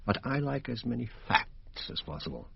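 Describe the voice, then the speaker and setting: An actor with an English accent playing a brisk, cocksure, middle-aged police inspector in a radio drama, blunt and colloquial. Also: male voice, mid-range voice, very animated, creaky, breathy edge, no echo, full character voice. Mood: scornful, certain. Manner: blunt, colloquial, self-assured. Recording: dull, band-limited radio drama recording.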